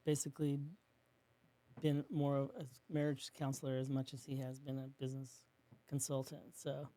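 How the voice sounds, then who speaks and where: A man, a business co-owner, telling a rambling story in an interview and acting out quotes in a hushed voice. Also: medium pitch, monotone, normal speed. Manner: rambling, with many restarts and fillers.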